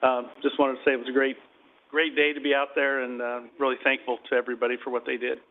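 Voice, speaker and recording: A man's voice: mid-range voice, little pitch movement, quick pace. A man speaking as a council member, hesitant with many fillers. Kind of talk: council meeting remarks. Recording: tinny phone-like broadcast audio.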